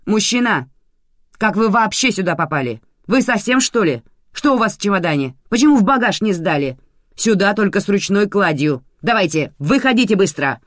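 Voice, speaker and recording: Reader voicing a stern shouting female supervisor, harsh, lively pitch, dry sound. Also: moderate pace, no room sound.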